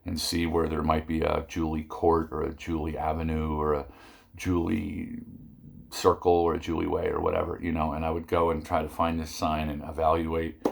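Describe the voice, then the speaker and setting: A man's voice: rumbling low, monotone, moderate pace, gravelly. An older man telling a rambling personal story in a casual vlog, with many fillers and asides.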